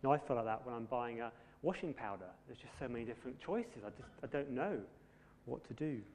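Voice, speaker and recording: Male preacher, relaxed conversational sermon, mid pitch, church hall echo. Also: fairly quick, slight background noise. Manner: conversational, self-deprecating humour. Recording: long hall reverb.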